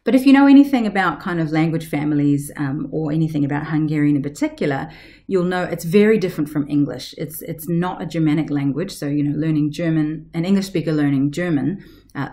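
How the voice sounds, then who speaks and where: Recorded on a desk webcam in her living room, this language teacher in her forties chats and explains for her podcast. Her voice sits low and warm, and she wanders off topic with plenty of fillers in a casual, explanatory style.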